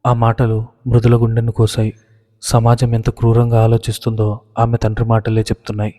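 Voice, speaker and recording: A man narrating an emotional audio story in an even, measured reading. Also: medium pitch, long reverb tail. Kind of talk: scripted narration.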